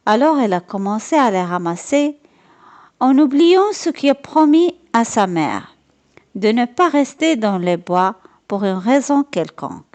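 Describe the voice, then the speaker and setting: A woman reading a children's story aloud in an animated, sing-song manner. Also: fairly high pitch, measured pace.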